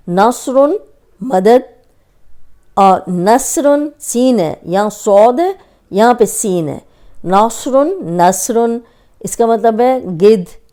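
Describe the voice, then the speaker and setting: A woman gives a recorded tajweed lesson. Her voice is warm, mellow and smooth. She explains with patience and draws out single letter sounds to show how each one should be said. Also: mid-range voice. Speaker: Quran recitation teacher.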